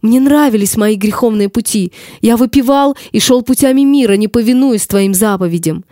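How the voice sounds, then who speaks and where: Woman voicing a lost man's soul, regretful confession, mellow tone, dry read. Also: on the high side, normal speed, no echo, close to an everyday voice. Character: damned man confessing with regret.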